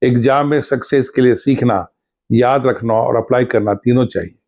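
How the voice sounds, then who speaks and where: A man teaching an exam-strategy lesson in a measured, deliberate way, listing points one by one. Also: mid-range voice, darkish tone.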